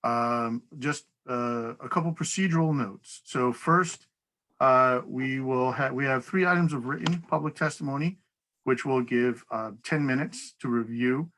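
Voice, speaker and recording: A man's voice: medium pitch, measured pace, a bit bright, low-quality recording. A man chairing a town council public hearing over a video call, talking in an easygoing, procedural way with the odd light laugh.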